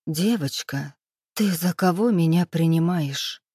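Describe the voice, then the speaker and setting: Stern scheming older club-owner woman, dark-toned, dry; voiced by a woman narrator. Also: fairly low pitch, slow, breathy edge, dry recording. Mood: mocking, stern. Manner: mocking, weary, coolly menacing. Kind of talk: audiobook dialogue reading.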